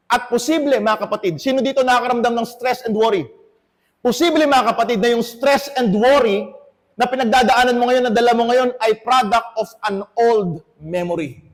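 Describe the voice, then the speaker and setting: A Filipino pastor with a notably high voice preaches to his congregation. He moves back and forth between Tagalog and English. His words trail off in the long reverb of a church hall. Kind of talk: sermon.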